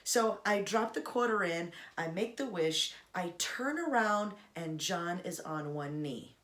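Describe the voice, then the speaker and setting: A woman's voice: lowish voice, expressive, measured pace, fairly bright tone. Young woman, vlogger, chatty rambling storytelling, sarcastic asides. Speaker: Disney vlogger. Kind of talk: casual storytelling to camera.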